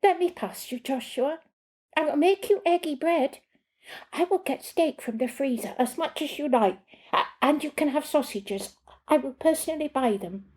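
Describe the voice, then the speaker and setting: A woman's voice: high-pitched, animated, unhurried, dark tone, voice pushed up. A woman voicing an anxious young foreign servant woman who speaks formal, slightly broken English. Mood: pleading. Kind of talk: reading a story aloud.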